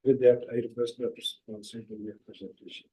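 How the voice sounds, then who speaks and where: A man chairing a seminar session, introducing the next speaker in a halting way with many pauses and fillers. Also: medium pitch, level tone, dark tone, low-quality recording. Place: conference room.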